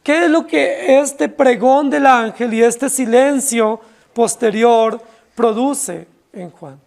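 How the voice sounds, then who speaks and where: A pastor from Colombia preaching an impassioned, pleading expository sermon to his congregation, often dropping his voice low on key words. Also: slow pace, gravelly, darkish tone. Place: church congregation.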